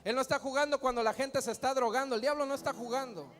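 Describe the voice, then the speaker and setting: A man's voice: extremely high pitch, steady tone, fast talker. A man preaching a sermon as pastor, emphatic, firing rhetorical questions and calling the crowd to answer. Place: large church hall. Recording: long hall reverb with faint music.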